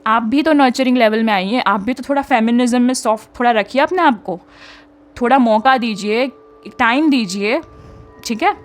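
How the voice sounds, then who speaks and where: Woman, tarot reader, chatty, fairly high voice, faint music behind. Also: moderate pace. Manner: chatty, mixes English into talk, frequent tag questions. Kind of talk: casual spiritual guidance.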